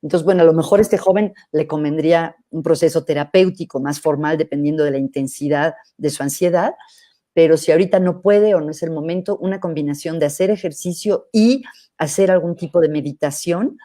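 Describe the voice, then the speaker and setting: A middle-aged woman psychologist, answering questions in a thoughtful, measured way with hesitant restarts. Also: low voice, dark tone. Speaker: psychologist guest. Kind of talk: live interview answering questions.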